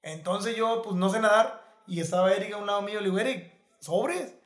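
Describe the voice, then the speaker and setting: A man tells stories in casual chat. His voice sits high, and he talks in an animated, slangy way, acting out what people said. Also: fast talker. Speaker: podcast guest. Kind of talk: casual storytelling.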